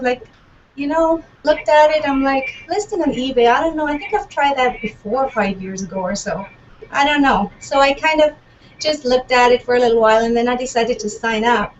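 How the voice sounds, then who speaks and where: Nervous woman on a distant web call. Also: fairly high pitch. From Canada. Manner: nervous, talking fast. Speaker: guest, stay-at-home mom. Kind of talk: casual video call chat. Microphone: video call. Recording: distant muffled web call with faint noise.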